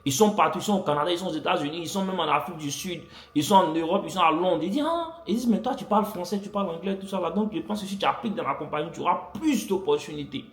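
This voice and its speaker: In an echoey room, a young man vlogs, animatedly telling his viewers a personal story and repeating phrases for effect. His voice sits high, and he talks fast with few pauses.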